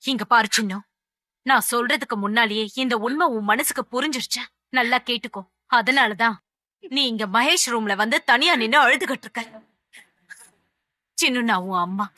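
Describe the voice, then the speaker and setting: A woman's voice: fairly high pitch, moderate pace, pushed and bright, no echo. An actress playing a firm, protective mother who is a lawyer, lecturing her crying daughter in a TV serial scene. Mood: stern. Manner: firm, lecturing, mixes in English phrases. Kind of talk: TV serial drama acting.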